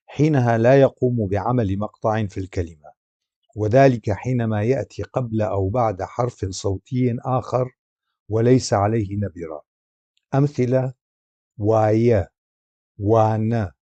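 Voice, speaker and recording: A man reading a grammar lesson aloud, slowly listing letters, syllables and example words and drawing out each sound. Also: mid-range voice, dark tone, no room sound, lo-fi sound. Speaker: language teacher.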